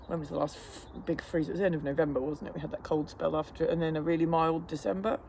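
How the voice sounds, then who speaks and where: A man with a fairly high voice talks casually to camera while sitting in freezing water. He rambles along in a matter-of-fact, self-deprecating way, coping with the cold. There is clear background noise, as of an outdoor recording. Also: steady tone, fast talker, darkish tone. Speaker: fitness instructor vlogger. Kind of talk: casual chat to camera during a cold plunge. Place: outdoors in an ice bath.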